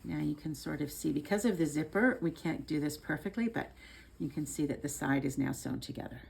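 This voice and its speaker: A woman giving a step-by-step hands-on tutorial as an instructor, speaking in a careful, unhurried, informal and reassuring way. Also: low-pitched, vocal fry, darkish tone, breathy edge. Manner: careful, unhurried, explaining each small step. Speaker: sewing instructor. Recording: some background noise.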